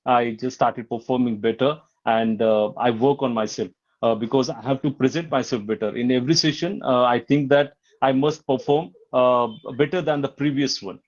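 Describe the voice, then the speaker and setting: A man's voice: mid-range voice, steady tone, moderate pace, hardly any pauses. Hesitant man, dull lo-fi line. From Maharashtra, India. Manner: hesitant, many "uh" fillers and restarts. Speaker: learner.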